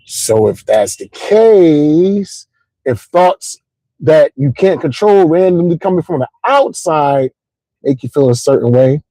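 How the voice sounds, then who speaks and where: On a low-quality recording without room sound, a middle-aged man speaks slowly in a slightly high voice. Hosting a casual livestream, he rambles with animated motivation, full of repeats and "you know what I'm saying."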